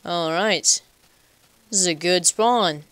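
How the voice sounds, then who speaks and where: A man's voice: high-pitched, takes it slowly, a bit bright, smooth, no echo. A man giving casual, chatty let's play commentary, talking to himself playfully and making up goofy nicknames for animals. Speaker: gaming channel host.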